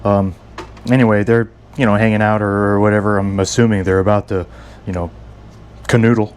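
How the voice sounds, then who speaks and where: A man's voice: fairly low pitch, flat delivery, brisk, a little mellow, a little hiss or hum. Stammering man rambling through a recipe. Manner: stammers and repeats words often; rambling, self-deprecating. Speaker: home cook. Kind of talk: casual cooking vlog.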